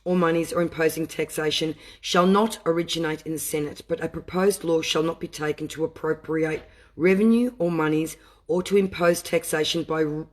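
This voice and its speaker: A man with a voice that sits on the higher side reads out dry legal clauses at a careful pace. He keeps breaking off into fervent, emotional commentary aimed straight at his listeners. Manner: deliberate reading broken by impassioned asides. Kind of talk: reading aloud and commenting.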